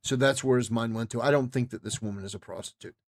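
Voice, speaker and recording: This man talks fast in a mid-range, steady voice while livestreaming his reaction to a clip. His commentary is casual and opinionated, emphatic and repetitive, with stop-start phrasing.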